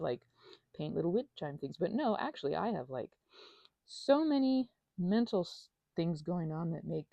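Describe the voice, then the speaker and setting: An audio channel creator rambles off the cuff while finger painting, scattered, playful and self-deprecating, drifting into tangents and asides and at times sinking almost to a whisper. Her voice is fairly low, gravelly and mellow, recorded dry with dull audio.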